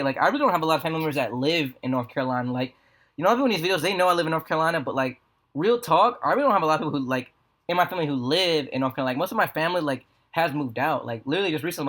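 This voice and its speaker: A young American man with a slightly high voice talks at a rapid clip. He rambles through a casual vlog story, full of slang and profanity. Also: a bit bright. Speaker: video creator. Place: apartment room with a fan running. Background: fan hum.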